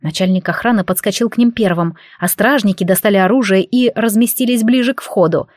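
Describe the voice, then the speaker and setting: A woman's voice: medium pitch, fairly quick, darkish tone, no room sound, clean studio sound. A woman reading a fantasy novel aloud as an audiobook narrator. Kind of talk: scripted narration.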